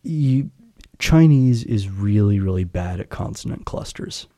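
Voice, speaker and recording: A man's voice: fairly low pitch, expressive, a little slow, dark tone. A man co-hosting a casual language lesson podcast, chatty with explanatory asides. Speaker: co-host.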